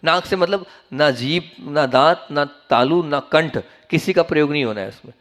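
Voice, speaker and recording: Earnest Hindi-speaking monk giving a sermon. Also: male voice, moderate pace. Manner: earnest, instructive, urges listeners to repeat and pay attention; swings between soft low phrases and raised emphatic ones. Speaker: Jain monk preacher.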